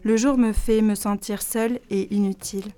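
A woman voicing a gentle old grandmother who loves the night, in a soft, reassuring storybook reading. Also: medium pitch, steady tone, normal speed, lightly acted. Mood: tender.

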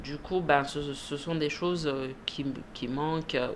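Answering radio interview questions with hesitation, fillers and frequent laughter, this Ivorian shop manager in her thirties speaks in a low-pitched, steady voice at a measured pace. Slight background noise can be heard.

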